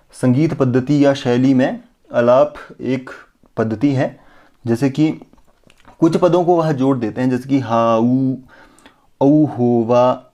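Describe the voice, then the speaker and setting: A man teaching an exam-prep lesson, asking himself rhetorical questions and answering them, and slowly drawing out chanted syllables in his examples. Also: medium pitch, mellow. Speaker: Sanskrit teacher.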